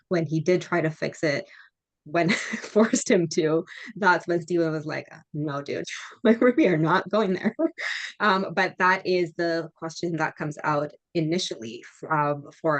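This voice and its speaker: A hypnosis trainer giving casual, animated feedback on a practice session, often checking in with "like" and "right?". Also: mid-range voice. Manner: animated retelling, peppered with "like" and "right?".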